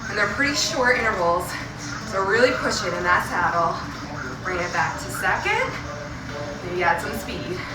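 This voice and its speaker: A woman leading an indoor cycling class as instructor, giving short motivational cues and instructions. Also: medium pitch. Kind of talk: fitness class coaching with countdowns and cues. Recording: roomy, distant mic under loud music. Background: loud workout music.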